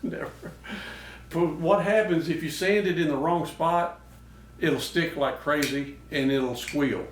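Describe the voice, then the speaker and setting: A man's voice: a little high, unhurried. A man hosting a show, giving casual, instructional talk. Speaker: host of a duck call show. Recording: echoey noisy room, distant mic.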